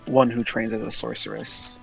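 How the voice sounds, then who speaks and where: A man speaking in character in a tabletop game, hesitant and halting with many pauses and fillers. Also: mid-range voice, little pitch movement, creaky, fairly bright tone, soft background music, rough recording. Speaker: player. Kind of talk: in-character tabletop role-play.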